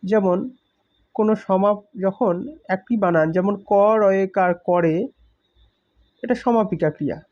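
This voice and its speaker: A man teaching a grammar lesson, explaining slowly with examples and stressing key words. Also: high voice. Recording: muffled lo-fi recording.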